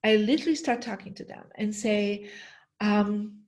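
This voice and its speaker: A woman's voice: medium pitch, fairly quick, darkish tone. A middle-aged woman telling a story while teaching an online master class, often checking in with the audience by asking "yeah?". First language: Dutch. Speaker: feng shui teacher.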